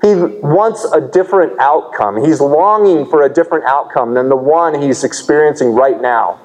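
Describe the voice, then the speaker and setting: A man's voice: fairly high pitch, moderate pace, darkish tone. Earnest male pastor preaching in a reverberant hall. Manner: earnest, explanatory preaching with rhetorical questions. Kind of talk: sermon.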